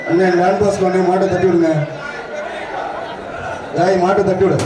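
A man with a Tamil Nadu accent announcing through a loudspeaker, repeating exclamations and barking commands at handlers and the crowd. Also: high voice, flat delivery, normal speed. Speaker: announcer at a bull-taming event. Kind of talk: live shouted commentary. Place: outdoor arena. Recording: echoey open-air arena, heard from far off, loud crowd and noise.

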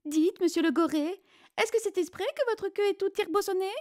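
A woman's voice: extremely high pitch, a little fast, a little mellow, voice pushed up. A woman voicing a chatty, curious little chick who keeps asking questions in a storybook read-aloud. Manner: inquisitive, piping questions.

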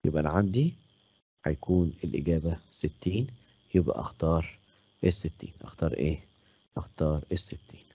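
A man's voice: low voice, a little mellow, breathy edge, no echo. A man with an Egyptian accent teaching a math lesson online, asking questions aloud, answering them himself and praising his students. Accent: Egyptian Arabic. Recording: dull lo-fi stream audio.

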